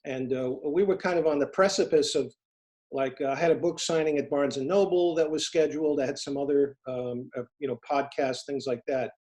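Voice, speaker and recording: A middle-aged American man sits for a casual interview, his voice a touch higher than most. He tells his stories earnestly, stumbling over restarts and fillers as he goes. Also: steady tone, brisk, darkish tone. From United States. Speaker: interview guest, former FBI agent turned private investigator.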